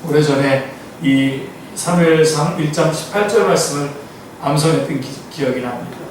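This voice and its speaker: During an afternoon Bible study in a church sanctuary, a pastor reads scripture aloud, explains it, and often puts questions to his congregation. His voice is on the high side at a moderate pace, recorded from afar in an echoey hall with a slight hiss or hum.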